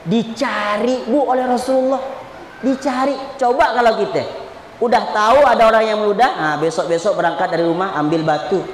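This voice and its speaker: A woman giving a humorous sermon in a mosque, telling stories with lively acted-out voices. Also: medium pitch, fairly quick, a little hiss or hum. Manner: lively storytelling, acts out quoted voices. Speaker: preacher. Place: mosque hall. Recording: echoey hall with faint ambience.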